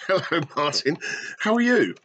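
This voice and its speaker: A man in his thirties playfully chats to a silent toy puppet while hosting a kids' activity video, joking and explaining in a teacherly way. His fairly high, fairly bright voice swings widely in pitch and stays unhurried. He records from a small brick-walled room on a webcam in front of him, and the highs are cut off.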